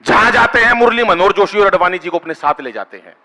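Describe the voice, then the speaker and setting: Bright-voiced man joking on stage. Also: high-pitched, expressive, fast, in a large hall. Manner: bantering with the audience, asks for applause. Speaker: stand-up poet. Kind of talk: kavi sammelan comic poetry.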